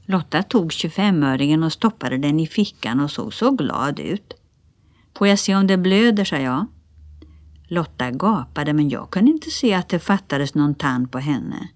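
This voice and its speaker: A woman narrating a children's storybook in lively first-person voice, as one of the children. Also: sits low, dry recording, clean studio sound. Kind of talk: storybook reading.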